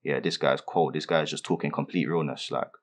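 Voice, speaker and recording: Brief: young London rapper, very low voice, quick slangy answers. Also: male voice, steady tone. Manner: laid-back street slang, many fillers. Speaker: rapper being interviewed. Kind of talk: casual interview answers.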